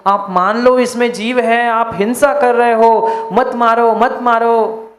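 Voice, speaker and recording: Man voicing a kind young prince, earnest pleading, high voice, slow. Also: steady tone, reverberant, noisy background. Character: young male prince, gentle and compassionate.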